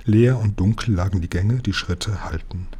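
A man reading a children's book aloud in a calm, measured storytelling manner. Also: fairly low pitch, breathy edge. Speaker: reader.

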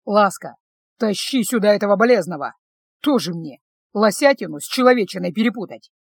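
A woman doing a gruff barking commander. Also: high voice, expressive, a little fast, dry recording, studio quality. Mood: angry. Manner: curt, barking orders. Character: stern male squad commander, gruff and blunt.

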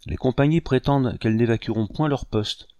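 A man's voice: medium pitch, a little fast, mellow, dry recording, natural voice. A man reading an audiobook, voicing a scheming, resentful captain who feigns indignation. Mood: aggrieved. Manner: feigned indignation, bitter and insistent.

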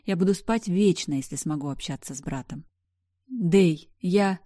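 Woman audiobook narrator, expressive, low voice, dry close sound. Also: brisk, no room sound. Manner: emotional, expressive reading. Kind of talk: first-person audiobook narration.

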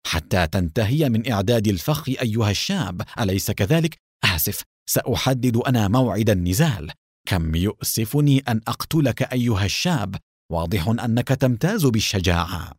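Man voicing a calm, mocking masked cowboy vigilante. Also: mid-range voice, fairly quick, dry recording, clean studio sound, lightly acted.

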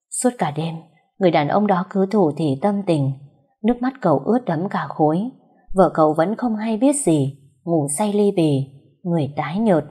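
A woman reads a story aloud in a steady, measured way. Her voice sits low, warm and mellow, with a husky edge. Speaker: narrator. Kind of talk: storybook narration.

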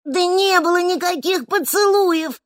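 A woman voicing a worried, indignant young girl who speaks high and protesting. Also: bright, forceful tone, dry recording, studio quality. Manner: high-pitched, quick to protest.

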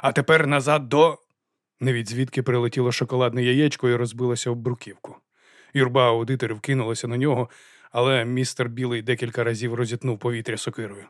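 A man reading a novel aloud as an audiobook, in even, measured narration. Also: medium pitch, no echo, studio quality. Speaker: audiobook reader. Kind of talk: scripted narration.

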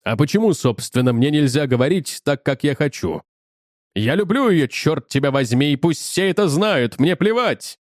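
A man reading an audiobook and voicing a lovestruck young man in a low, slow, gushing voice. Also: expressive, darkish tone, no room sound, clean studio sound, close to an everyday voice. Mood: defiant.

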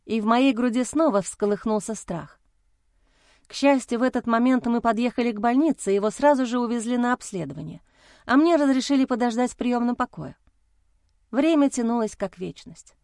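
A woman reading a first-person novel aloud in a steady, measured way. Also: a little high, no echo, studio quality. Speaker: audiobook narrator.

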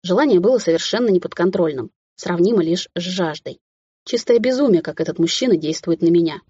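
Style: romance audiobook narration. Sex: woman. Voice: low, husky. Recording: slightly dull. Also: animated, brisk, mellow, no echo.

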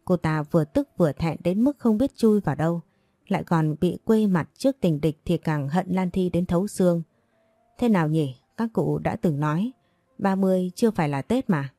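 A woman tells a romance story, voicing every character in nearly the same way. Her voice sits low and sounds mellow. The recording is dry and close, with no room sound. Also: expressive, moderate pace, dry recording. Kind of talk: scripted narration of a romance story.

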